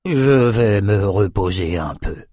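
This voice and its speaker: A worn-out old wizard speaks slowly from deep in his chest, voiced by a male audiobook narrator. He sounds shaken and tired, with a slightly raspy, dry close sound. The tone is grave and unhurried. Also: lively intonation, warm tone, dry recording. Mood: shaken, weary. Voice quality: low, slow and weary. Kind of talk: audiobook character voice.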